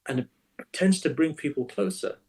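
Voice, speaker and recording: An imam appears as a guest in a conversational interview, speaking emphatically and with animation and often repeating words as he builds his point. His voice sits on the high side, at normal speed.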